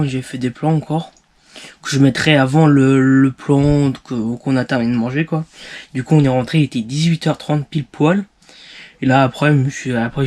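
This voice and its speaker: A man recording a casual video diary, talking in halting bursts full of restarts and fillers. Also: mid-range voice, a little mellow. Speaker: vlogger.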